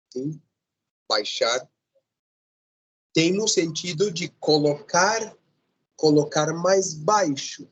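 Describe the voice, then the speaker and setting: A man teaching a Portuguese class, correcting students' mistakes slowly and deliberately and checking in with a frequent "sim?". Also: on the high side, slightly rough. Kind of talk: classroom lecture.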